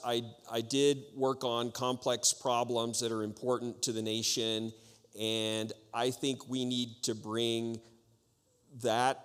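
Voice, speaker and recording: An American man giving a formal campaign forum speech as a candidate, in measured, halting phrases. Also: mid-range voice, fairly bright tone, clean tone. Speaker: political candidate. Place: public forum in a hall. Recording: echoey hall with long reverb.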